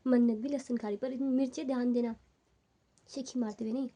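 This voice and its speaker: A woman's voice: on the high side, steady tone, moderate pace, warm tone. A young woman with a head cold, chatting casually to viewers as a family vlogger at home. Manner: chatty, talks straight to viewers. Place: home, indoors.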